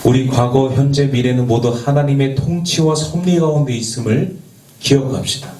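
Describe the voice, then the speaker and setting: Preaching at a normal speed in a mellow, mid-range voice, a youth pastor earnestly poses rhetorical questions to the young people in a church worship space. Occasionally he stumbles over his words and jokes about it. The recording is echoey and distant, with faint background noise.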